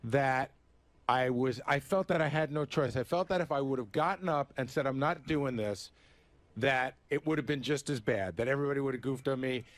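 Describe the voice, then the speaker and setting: A man's voice: mid-range voice, brisk, dry recording. A man on a radio show defending himself, stammering and restarting his sentences. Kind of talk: casual studio banter.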